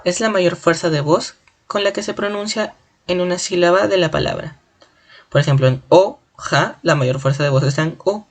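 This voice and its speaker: A teacher giving a spoken grammar lesson in a clear, deliberate way, slowly stretching out example words syllable by syllable. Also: medium pitch. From Peru.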